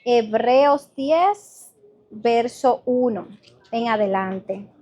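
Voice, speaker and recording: High-voiced woman pastor preaching. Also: very slow. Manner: earnest, direct, lively storytelling. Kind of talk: sermon.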